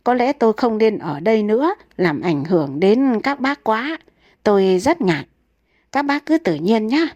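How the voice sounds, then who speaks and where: A woman's voice: a little high, lively intonation, normal speed, a little mellow, no room sound. A woman voicing a grumpy, stubborn elderly husband who snaps back in exasperation. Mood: stiffly polite. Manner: snapping, exasperated retorts.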